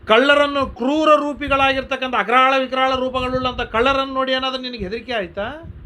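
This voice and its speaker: A man's voice: very high-pitched, sharp tone, voice pushed up. A man voicing an elderly foster mother who coaxes and pleads with her son in a storytelling sermon. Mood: worried. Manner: coaxing, questions tumbling out.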